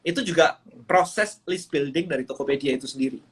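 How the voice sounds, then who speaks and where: A man with a somewhat high-pitched voice explains a business framework step by step. He talks like a coach on a phone livestream, mixing English terms into his speech. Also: fairly quick. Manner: explanatory, mixes English phrases. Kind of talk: Instagram livestream talk.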